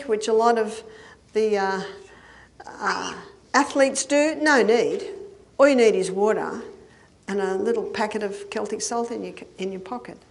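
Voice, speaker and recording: Older lady health lecturer, explains step by step, asks the crowd yes? a lot. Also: on the high side. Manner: explanatory, with occasional laughs and checking questions. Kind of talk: lecture with audience questions.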